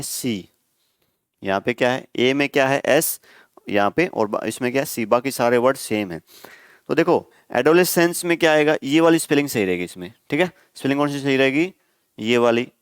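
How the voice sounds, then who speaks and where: Smooth-voiced male coaching teacher. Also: mid-range voice, no echo, studio quality. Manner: asks the class questions and answers them, with frequent "okay?" checks; spells words out letter by letter. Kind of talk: exam-prep vocabulary lesson.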